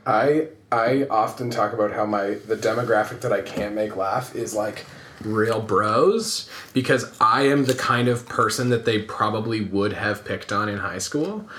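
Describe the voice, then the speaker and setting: Bright-voiced man speaking with self-deprecating humor. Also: on the low side, measured pace. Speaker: panel guest. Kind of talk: casual panel chat. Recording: echoey room with faint noise.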